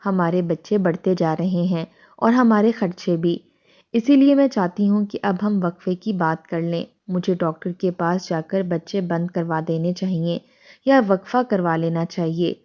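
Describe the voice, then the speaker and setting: A woman's voice: lowish voice, fairly even intonation, natural voice. A woman voicing a worn-out, ill young wife who pleads earnestly with her husband, in a dull lo-fi recording. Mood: pleading.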